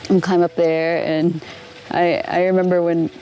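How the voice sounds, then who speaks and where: A soft-spoken young woman from the United States, speaking reflectively in a documentary interview. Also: lowish voice, flat delivery, measured pace, slight background noise. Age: young adult. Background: music.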